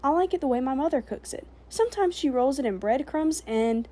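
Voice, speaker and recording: A woman voicing a quick-witted, stubborn young girl in a storybook reading, with a raised, chattering voice. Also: high-pitched, expressive, mellow, pitched above the performer's own voice. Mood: chatty.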